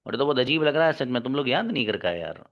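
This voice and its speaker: In a racing, mid-pitched voice full of big pitch swings, an English teacher berates and exhorts his class to work hard. He calls the students son and daughter, and the audio is dull and lo-fi.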